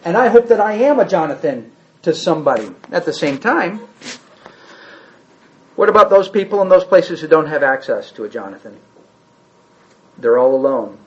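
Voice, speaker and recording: Man, high voice, lively Bible class teacher, echoey room, dull lo-fi sound. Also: normal speed, pauses often. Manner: animated, acts out quotes, asks the room questions. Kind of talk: conversational Bible teaching to a group. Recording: roomy, dull lo-fi room recording.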